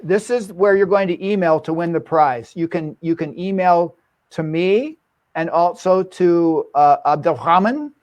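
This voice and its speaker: A man's voice: a little high, steady tone, unhurried, darkish tone, no room sound. A man giving an enthusiastic online dental lecture, quizzing his audience with repeated questions.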